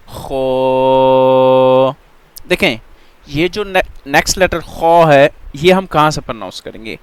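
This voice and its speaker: A man teaching tajweed in an online Quran reading lesson, drawing out letter sounds slowly and often checking that students follow. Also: on the high side, animated, dry recording. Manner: slow drawn-out letter drills with frequent check-ins.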